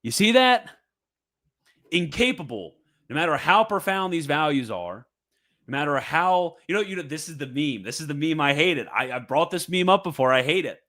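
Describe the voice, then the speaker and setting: A man's voice: on the high side, expressive, a little fast, fairly bright tone. A man giving fervent, emphatic commentary, reading a religious text aloud and reacting with repetition and mocking asides.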